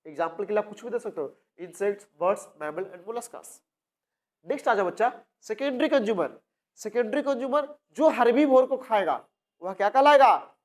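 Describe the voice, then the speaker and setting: A man's voice: sits high, expressive, fairly quick. Man teaching, quizzing his class. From India. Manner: asks questions and answers them himself, repeats key points; addresses students as "बच्चा". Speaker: biology teacher. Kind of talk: classroom lecture.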